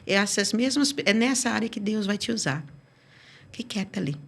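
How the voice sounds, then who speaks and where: A woman guest on a church podcast giving her personal religious testimony, telling her story with lively acted-out dialogue. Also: fairly quick, gravelly, a little hiss or hum. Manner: sweeping, swinging pitch as she tells her story.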